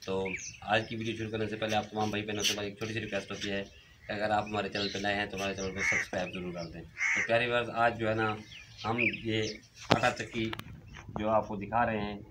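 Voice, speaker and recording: A man's voice: on the low side, flat delivery, quick pace. A middle-aged man hosting a family vlog outdoors in a village courtyard, talking in a chatty, reflective way with many fillers, filmed by a camera a few meters away. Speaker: vlog host. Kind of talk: casual family vlog talk. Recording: outdoor recording with background noise.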